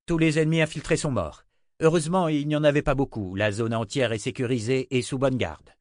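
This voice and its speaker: A man reading an audiobook, voicing a brisk army officer giving a report. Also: medium pitch, steady tone, a little mellow, no echo, clean studio sound, voice pushed up, close to an everyday voice.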